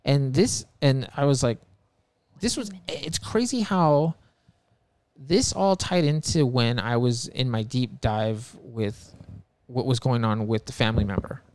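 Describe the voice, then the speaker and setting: A man's voice: medium pitch, a little slow, darkish tone, no room sound. A man telling a story as a podcast guest, rambling and full of filler words, swearing a lot, earnest and emphatic. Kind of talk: casual chat.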